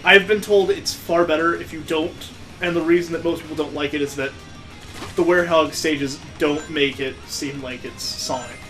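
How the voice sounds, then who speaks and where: A man with a fairly high, slightly bright voice co-hosts a gaming video, playing the game and commenting on it casually and sarcastically. He keeps a steady tone at a moderate pace, with video game music behind him.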